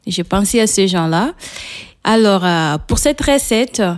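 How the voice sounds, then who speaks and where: Woman guest cook on radio, Portuguese accent, hesitant, mid-pitched. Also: animated. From São Tomé and Príncipe. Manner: hesitant, many pauses and fillers. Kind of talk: radio interview.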